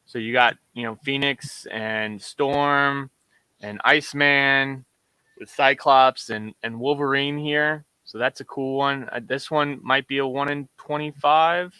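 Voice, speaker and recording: A man co-hosts a comic order show, chatting casually and relaxed, filling his talk with lots of fillers as he shows covers. His medium-pitched voice is unhurried and clean in tone, on a dry, low-quality recording.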